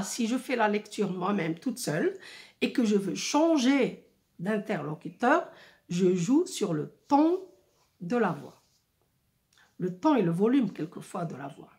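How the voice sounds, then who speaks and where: A woman teacher talks through a lesson at an unhurried, measured pace. Her voice sits at a medium pitch, and she restates each point several times, pausing on filler sounds as she searches for words. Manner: slow, deliberate, repeats and rephrases with many fillers. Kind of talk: slow explanatory French lesson.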